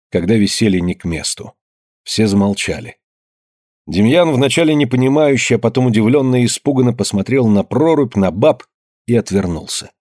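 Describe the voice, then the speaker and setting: Guy reading an audiobook, steady and grave, dry no-room sound. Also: mid-range voice, husky, no room sound. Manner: measured, grave storytelling, slowing at somber moments. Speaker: narrator. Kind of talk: audiobook narration.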